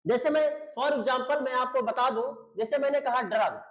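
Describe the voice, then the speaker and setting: A man's voice: very high-pitched, moderate pace, roomy sound. A man teaching English grammar in an online video lecture. He explains patiently, repeats his points, checks that students follow, and calls them beta and babu.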